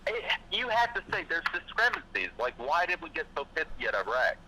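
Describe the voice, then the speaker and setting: A man's voice: fairly high pitch, big pitch swings, a little fast, a loud crowd, low-quality recording. A man talking casually as a podcast host, ranting in a profane, fired-up way and putting on mocking voices. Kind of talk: casual chat.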